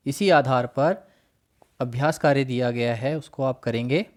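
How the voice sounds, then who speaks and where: A man with a medium-pitched voice teaches a worksheet lesson, slowly and deliberately reciting lists of words before explaining each one.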